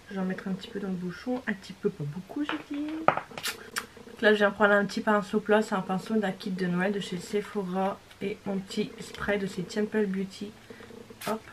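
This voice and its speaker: A woman's voice: mid-range voice, heavy background noise. A woman beauty vlogger talking through a makeup tutorial in a casual, chatty way, correcting herself as she goes and sometimes dropping to a near-whisper. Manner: chatty, self-correcting, describing each step.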